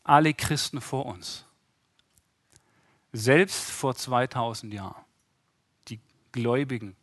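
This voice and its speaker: A man's voice: medium pitch, gravelly, a bit bright, no room sound, studio quality. A man preaching an interactive sermon, often asking the congregation questions and acting out the voices he quotes.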